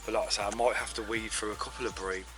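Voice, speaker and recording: Out by the lake, a man who vlogs about fishing talks fast over music, his pitch fairly low. His easygoing, chatty delivery is packed with fillers, and he sounds worn out and stuffed up.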